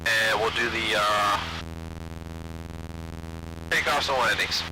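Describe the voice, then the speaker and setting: A man's voice: fairly low pitch, slow pace, over music. A man instructing in the cockpit of a small plane, talking casually through an aviation headset like a pilot over the radio. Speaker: flight instructor. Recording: noisy cockpit intercom audio.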